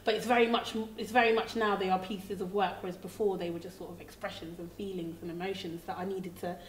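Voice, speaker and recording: Female singer-songwriter from Congo, flat low delivery, distant mic in an echoey room. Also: fast, slight background noise. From Democratic Republic of Congo. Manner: thoughtful, searching for words. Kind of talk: reflective interview talk. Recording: roomy, slightly distant mic.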